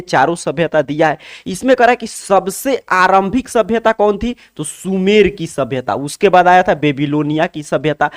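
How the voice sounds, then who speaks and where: A man with a high voice teaches a lesson on an exam solution, posing questions to students and answering them himself while repeating key phrases.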